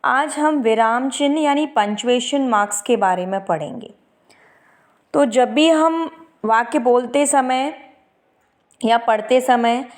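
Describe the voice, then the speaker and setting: A woman with a fairly high voice teaches a grammar lesson to young students. She talks with an emphatic classroom cadence, keeps adding tag questions, and answers her own questions aloud. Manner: asks the class questions and answers them herself. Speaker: Hindi teacher.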